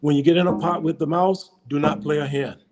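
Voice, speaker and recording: A man's voice: on the high side, fairly even intonation, brisk, a little mellow. An older American man, a podcast guest, talking in a rambling, casual way and often repeating and restarting his words. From United States. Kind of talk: casual interview chat.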